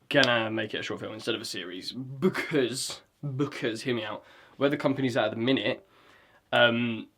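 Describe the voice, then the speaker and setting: Husky and a bit bright, this man's mid-range voice rambles on as he writes a script. The vlogger swears a lot and hunts out loud for words in casual talk.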